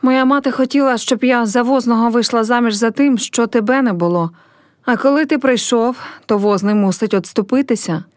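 A woman's voice: fairly high pitch, fairly quick, dry recording, studio quality, natural voice. A woman reading a play aloud and voicing a young village girl who is heartbroken and proud, speaking in a pleading, reproachful way.

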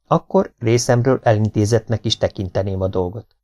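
A man voicing a brisk, matter-of-fact police officer questioning a family. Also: fairly low pitch, dark tone, natural voice. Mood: businesslike. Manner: businesslike questioning. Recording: dull lo-fi recording.

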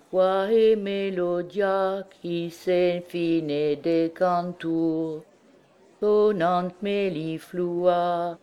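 A woman's voice: extremely low pitch, a little mellow, heavily acted. A woman voicing a rowdy, boastful drunken young male student in an audiobook, exclaiming and laughing. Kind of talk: audiobook character reading.

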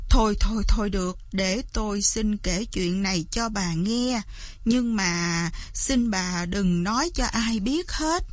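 A woman's voice: medium pitch, unhurried, no echo, lightly acted. A woman voicing a poor peasant mother who pleads anxiously, in a storybook reading. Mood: pleading. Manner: pleading, anguished.

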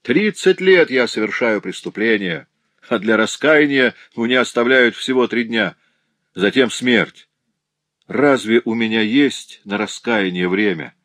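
A man's voice: mid-range voice, lively intonation, unhurried, fairly bright tone, no room sound, clean studio sound, pitched above the performer's own voice. A man reading an audiobook aloud and voicing a cruel, unrepentant old widow who speaks with sarcasm and cold fury. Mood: bitter sneering. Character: vicious old widow, a murderer facing execution, sneering and unrepentant.

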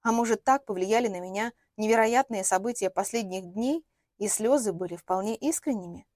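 A woman reading a first-person story aloud as an audiobook, with lively storytelling. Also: medium pitch, brisk, no room sound, clean studio sound. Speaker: audiobook reader.

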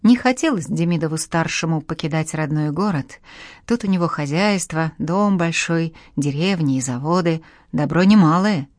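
A woman narrates a historical audiobook in a steady, even storytelling manner. Her voice is low for a woman, and the recording is dry and close with no room sound. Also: normal speed, dry recording. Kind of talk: scripted narration.

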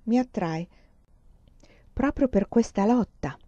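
A woman voicing a calm, thoughtful young farmer who speaks in a reflective way. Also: a little high, slow pace, no echo, dull audio, pitched above the performer's own voice.

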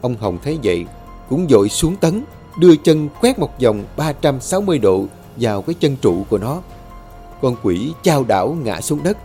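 A man's voice: medium pitch, big pitch swings, normal speed, warm tone. A man telling a scripted horror story with dramatic, tense delivery. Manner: dramatic, tense storytelling with rising and falling intensity. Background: faint background music.

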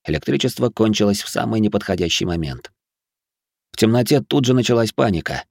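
A man reading a first-person audiobook in steady scripted narration. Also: on the low side, brisk, vocal fry, no room sound, studio quality.

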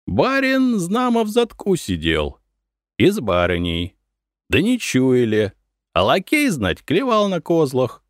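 A man voicing an old, bent, grey-haired peasant grandfather who speaks slowly in folk speech. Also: a little high, wildly swooping pitch, no room sound, studio quality, voice pushed up, heavily acted. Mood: wary. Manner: slow, wary folk speech.

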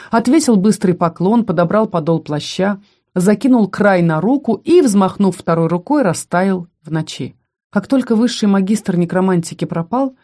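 Low-voiced woman reading a fantasy novel. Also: warm tone. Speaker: audiobook narrator. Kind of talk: first-person fantasy audiobook narration.

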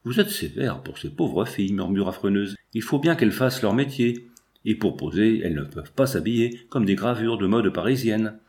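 A man's voice: lowish voice, expressive, moderate pace. A man reading the lines of a modest, courteous young painter in an audiobook. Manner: courteous, gentle.

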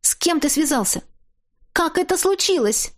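A woman voicing a frightened young mother held captive, pleading and high-strung. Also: lively intonation, moderate pace. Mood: distressed.

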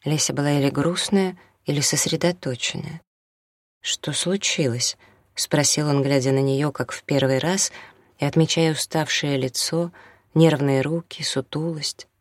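An audiobook narrator reads a novel aloud as scripted narration, calm and measured, in a middle voice neither high nor low. The recording is dry and close, with no room sound at all.

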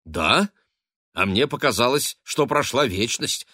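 A man's voice: medium pitch, expressive, a little slow, sharp tone, slightly rough, dry recording, studio quality, voice pushed up, heavily acted. A man voicing a gushing, teasing middle-aged lady of the house who fusses over her ward. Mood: excited gushing. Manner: effusive, fussy, teasing.

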